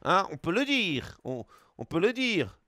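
Belgian guy streaming live, high bouncy voice, swears a lot, says hi to chat. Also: measured pace, dry recording. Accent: Belgian French. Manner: excitable, swears casually, greets chat viewers.

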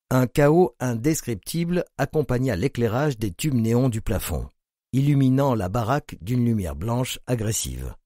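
Guy reading a dark audiobook, low mellow voice, lively intonation, dry close recording. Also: no room sound. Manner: grave, measured reading. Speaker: audiobook narrator. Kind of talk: scripted narration.

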